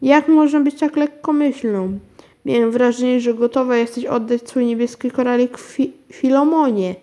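A woman's voice: fairly high pitch, normal speed, mellow, close to an everyday voice. A woman voicing an agitated, protective male taxi driver in a children's story. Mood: urgent. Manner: urgent, agitated.

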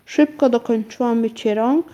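A woman reading a children's story aloud in a calm, even way, with the odd small slip. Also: on the high side, normal speed, lo-fi sound. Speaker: narrator.

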